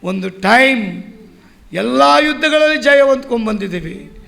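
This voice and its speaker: A preacher voicing a defeated leader who laments to God and asks why they lost. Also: male voice, extremely high pitch, animated, moderate pace, vocal fry, pushed and bright, heavily acted. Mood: lamenting. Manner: lamenting questions.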